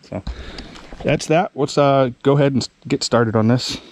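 A man's voice: mid-range voice, moderate pace. Man explaining a DIY solar setup. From Ohio. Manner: plain conversational, thinks aloud with fillers. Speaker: DIY outdoors channel host. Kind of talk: casual how-to explanation. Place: outdoors in a wooded yard.

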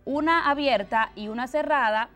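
A woman teacher with a Dominican accent, explaining a language lesson for television slowly and deliberately, step by step. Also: high voice, a bit bright, soft background music.

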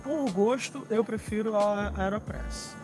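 High-voiced Brazilian man explaining camp coffee. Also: takes it slowly, over music. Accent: Brazilian Portuguese. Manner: relaxed, explanatory, handles gear while talking. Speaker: barista explaining trail coffee gear. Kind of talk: casual outdoor demonstration. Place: forest outdoors.

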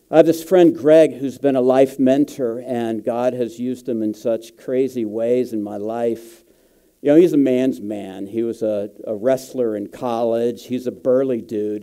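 Man, guest pastor, sermon, casual slangy storytelling, deep mellow tone.

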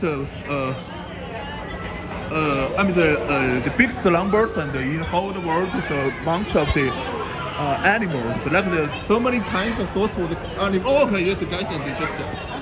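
High-voiced man vlogging in a loud crowd. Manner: halting, hesitant non-native English with many restarts. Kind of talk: casual walking vlog commentary. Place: crowded indoor mall exhibition hall. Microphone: handheld phone camera. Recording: noisy crowded mall phone recording. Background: loud crowd chatter.

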